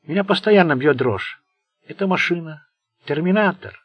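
A man's voice: fairly high pitch, lively intonation, moderate pace, breathy edge, no echo, highs cut off, voice pushed up. A man voicing a bitter, sardonic Italian gangster who rambles nervously. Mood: anxious. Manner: sarcastic, venomous.

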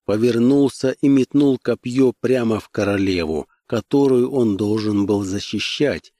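An audiobook narrator reads a scripted adventure story in a measured, even storytelling style, his voice on the low side. The recording is dry and studio quality.

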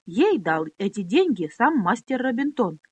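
A woman's voice: fairly high pitch, sing-song, moderate pace, slightly rough, dry recording. Woman doing an indignant apprentice boy. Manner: indignant, heated.

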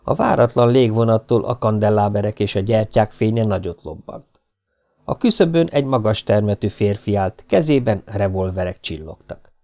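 A man reading a novel aloud as an audiobook narrator with steady storytelling. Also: fairly low pitch. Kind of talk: scripted narration.

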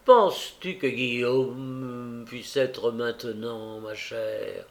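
A man's voice: medium pitch, animated, takes it slowly, gravelly, full character voice. A man doing a crafty old thief, wheedling and volatile. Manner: shifts from wheedling murmurs to loud raging outbursts. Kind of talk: audiobook character reading.

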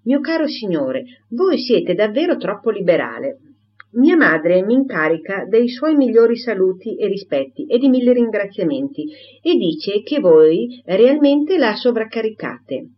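A woman's voice: mid-range voice, sing-song, a little slow, lo-fi sound, pitched above the performer's own voice. A woman doing a breathless rambling spinster. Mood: gushing. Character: chattering talkative spinster, older woman.

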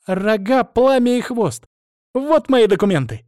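A man voicing a brash young dragon girl in human form, speaking shrilly and excitedly. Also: very high voice, normal speed, no echo, clean studio sound, pitched above the performer's own voice, heavily acted. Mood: defiant.

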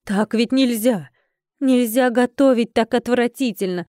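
A woman voicing a sharp-tongued young heroine in an audiobook, raised and emphatic. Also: on the high side, measured pace, dry recording, clean studio sound, natural voice. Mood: indignant.

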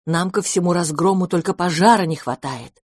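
A woman voicing a calm, reasonable father mouse who is slowly losing patience. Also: on the low side, slightly rough, dry recording, studio quality. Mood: patient. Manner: steady, reasoning.

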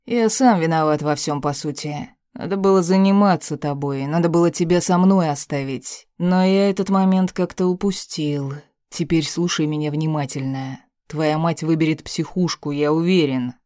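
A woman voicing a harsh middle-aged police officer father who talks low, curt and menacing. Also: moderate pace, dark tone, no echo, studio quality, lightly acted. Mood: stern.

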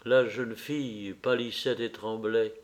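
A man narrating a classic novel as an audiobook reader, in a low-key dramatic way. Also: steady tone, a little slow.

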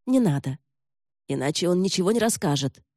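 A woman's voice: fairly low pitch, lively intonation, a little fast, a little mellow, no room sound, studio quality. A woman voicing a young noblewoman who speaks firmly and demandingly. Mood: stern. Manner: firm, demanding. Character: young noblewoman, stern and urgent.

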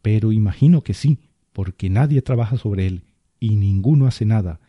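A man's voice: on the low side, normal speed, no echo, muffled recording, lightly acted. A man voicing an uneasy boatswain reporting from the monitors. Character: anxious male boatswain at surveillance screens.

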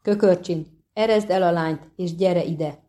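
Female reader as a male witcher hero, low, calm, commanding. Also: natural voice. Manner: low, calm, clipped orders. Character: stern male witcher swordsman, cool and commanding.

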